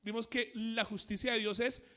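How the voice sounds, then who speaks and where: A man preaching a sermon, repeating phrases, pausing on fillers and asking the congregation "cierto?". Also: high voice, flat delivery, pushed and bright. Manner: many fillers, repeats phrases, asks the church questions.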